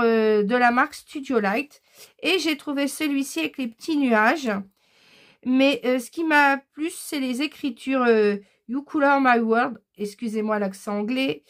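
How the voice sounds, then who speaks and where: Frenchwoman, haul vlogger, slightly high voice, chatty, hesitant fillers, enthusiastic. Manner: enthusiastic about craft items. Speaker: scrapbooking vlogger. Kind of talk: casual haul chat, showing purchases.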